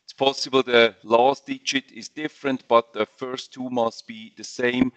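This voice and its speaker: A man walking viewers through software in a screen-share webinar, speaking halting English with frequent fillers and restarts. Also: medium pitch, fairly even intonation, no room sound, highs cut off. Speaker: software trainer.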